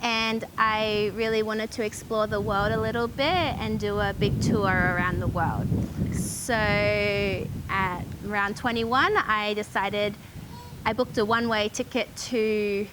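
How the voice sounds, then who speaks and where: A young Australian woman telling her story casually and hesitantly, with frequent ums and pauses. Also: mid-range voice, level tone, a bit bright, slight background noise, low-quality recording. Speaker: charity founder.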